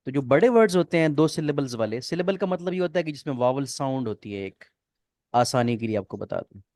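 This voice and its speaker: Guy teaching a grammar class, keeps asking "clear?", dry recording. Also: mid-range voice, animated, fairly quick, a little mellow, no echo. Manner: explains step by step, checks often if students follow. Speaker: English teacher. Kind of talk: online class explanation.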